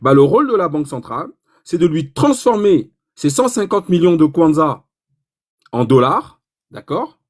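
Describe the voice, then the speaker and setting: Animated man explaining economics. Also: a little high, moderate pace. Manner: animated, rhetorical questions, provocative asides. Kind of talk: informal lesson.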